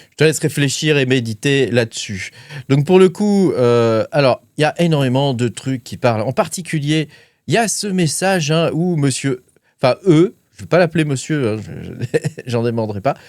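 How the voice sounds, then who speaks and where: A man's voice: medium pitch, a little mellow, no echo. Rambling man, dry close sound. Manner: rambling, many fillers and hesitations, reading notes. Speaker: crypto channel host. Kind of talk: casual commentary to camera.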